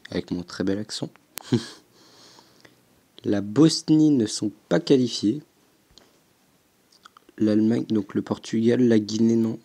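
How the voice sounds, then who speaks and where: Slow, low-voiced young man thinking aloud. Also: dark tone, slightly rough. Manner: slow, hesitant, thinking aloud with frequent "euh". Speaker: gaming YouTuber. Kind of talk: casual gaming commentary.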